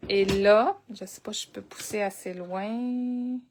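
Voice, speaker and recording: Slow-talking Québécois woman demonstrating crafts. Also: mid-range voice, background noise. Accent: Québécois French. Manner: chatty, thinks aloud while working. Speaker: crafting instructor. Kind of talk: live crafting tutorial.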